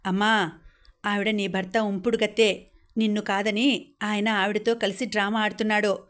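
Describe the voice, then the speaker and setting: A woman's voice: mid-range voice, flat delivery, moderate pace, fairly bright tone, natural voice. A woman reading the lines of an angry, defiant teenage son in a storybook reading, delivered with scorn. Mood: scornful. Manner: scornful, sneering.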